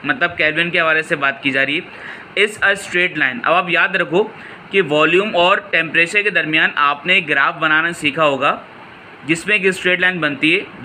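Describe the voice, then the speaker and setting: A man's voice: a little high, bright, forceful tone, a little hiss or hum, rough recording. A man tutoring physics and walking through exam solutions. He calls students "beta" and answers his own questions as he explains.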